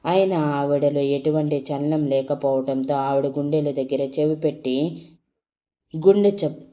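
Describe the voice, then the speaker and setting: Brief: woman storyteller, low dark voice, steady scripted story narration, small self-corrections. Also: normal speed, muffled recording.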